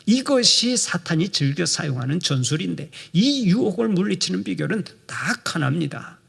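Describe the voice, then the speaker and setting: Gravelly, high-voiced male pastor preaching. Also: very animated, normal speed, long reverb tail. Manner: emphatic, exhorting preaching with acted quotes. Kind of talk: sermon. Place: church sanctuary.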